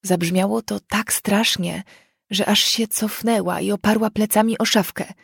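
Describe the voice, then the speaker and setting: A woman narrating a dark fantasy story in a measured, expressive reading. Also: mid-range voice, gravelly, husky, no room sound, clean studio sound. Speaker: audiobook reader.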